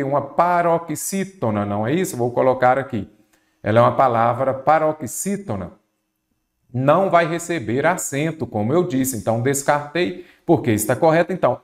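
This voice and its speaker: A Brazilian Portuguese teacher going through exam grammar questions, asking himself questions and answering them, drawing out key words. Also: male voice, on the high side. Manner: stretches out key words, then speeds up. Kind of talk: exam-prep grammar lesson.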